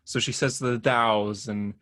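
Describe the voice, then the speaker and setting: Talking comic-book news on a podcast he co-hosts, this man rambles somewhat and laughs frequently in a relaxed way. His voice is on the low side, a bit bright, fairly even in intonation, and a little slow, captured in clean studio sound without any room sound.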